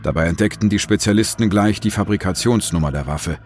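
Deep-voiced man narrating true crime with suspense. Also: fairly quick, a little mellow, faint music behind. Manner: dramatic, suspenseful phrasing with short pointed sentences. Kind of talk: scripted narration.

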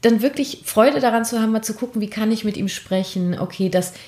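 A woman's voice: a little high, fairly quick, reverberant. A woman coaching a young mother on nonviolent communication, often checking in with a short "ja?". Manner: warm encouraging coaching, many "ja?" checks. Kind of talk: advice conversation.

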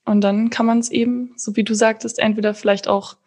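A woman's voice: fairly high pitch, little pitch movement, fairly quick, a little mellow. A woman hosting a podcast, talking casually in long, chained thoughts. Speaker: podcast host. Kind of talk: casual conversational podcast talk.

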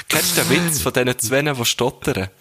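A man's voice: mid-range voice, pushed and bright, husky. A man with a Swiss German accent co-hosting a podcast, bantering casually and telling a joke. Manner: jokey, tells jokes with stuttering voices. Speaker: podcast co-host.

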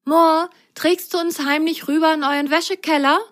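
A woman's voice: high-pitched, steady tone, moderate pace, voice pushed up. A woman voicing an eager, adventurous boy sock who talks enthusiastically in a children's story. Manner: bright, enthusiastic, bubbly.

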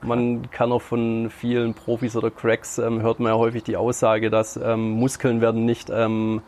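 Male guest, monotone delivery, halting explainer, mid pitch. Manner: halting, frequent fillers. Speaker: podcast guest. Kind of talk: casual explanatory chat.

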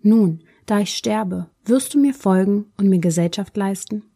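A woman voicing a dying, lonely old king in a spoken storybook tale, pleading softly in her warm, breathy voice. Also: high-pitched, measured pace, full character voice.

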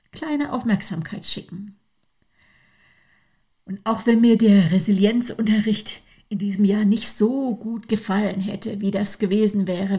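Older lady doing a soft earnest faith talk, warm husky voice, kinda whispery, talks right to you. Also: mid-range voice. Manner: soft, often half-whispered and intimate; earnest, addresses the listener directly. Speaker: devotional speaker. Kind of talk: reflective faith talk to listeners.

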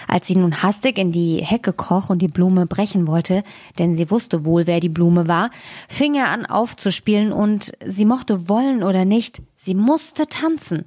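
A woman narrating a fairy tale aloud in measured storytelling, sometimes dropping to a whisper at grim moments. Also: fairly low pitch, a little mellow, dry recording, clean studio sound.

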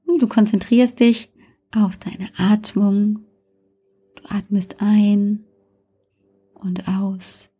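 A woman narrating a guided meditation like a sleep story, softly and calmly, often near a whisper, with long pauses and gentle suggestions. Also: mid-range voice, breathy edge. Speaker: guided relaxation instructor.

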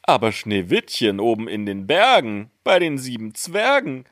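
A man's voice: medium pitch, sing-song, a little slow, fairly bright tone, no room sound, clean studio sound, voice pushed up. A man voicing a solemn magic mirror in a storybook reading.

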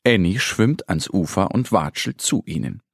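An adult man narrating a children's story with lively, expressive delivery. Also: deep voice, moderate pace, vocal fry, breathy edge, no echo, studio quality.

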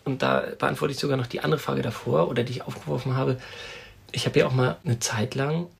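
Gravelly man around forty, husky, telling stories with gusto. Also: mid-range voice, brisk. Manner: chatty, animated storyteller. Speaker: podcast co-host. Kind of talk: casual chat.

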